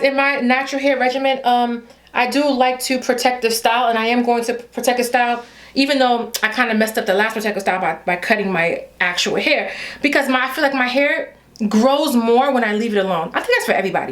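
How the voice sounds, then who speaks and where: In a casual hair vlog, a young Haitian woman with a Haitian accent jokes around and speaks directly to her viewers, calling them "y'all." She's a beauty vlogger whose voice is fairly high and a bit bright, and her manner is chatty.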